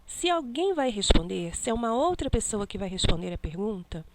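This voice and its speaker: A woman teacher slowly correcting a classroom exercise, stressing each punctuation mark she names. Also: mid-range voice, very animated, heavy background noise.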